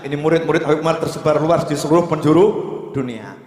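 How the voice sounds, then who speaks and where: A man giving a sermon to a gathering, telling a story and then urging the crowd on loudly. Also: on the high side, fast. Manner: storytelling, rising to loud exhortation. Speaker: preacher. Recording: echoey hall with long reverb.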